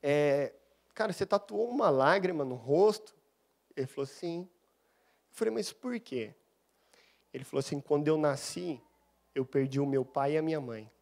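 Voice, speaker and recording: A man preaches in church, his voice sitting a little high for a man. He tells his testimony with lively storytelling and takes on the voices of the people in it. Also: normal speed, vocal fry, pauses often. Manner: animated storyteller, acts out dialogue. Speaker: deacon preaching a sermon. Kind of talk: sermon with personal testimony.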